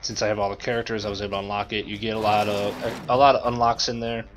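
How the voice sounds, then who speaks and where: A man's voice: lowish voice, little pitch movement, rapid-fire. A man giving laid-back, rambling casual commentary as he plays a video game. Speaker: let's play commentator. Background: game music and sounds.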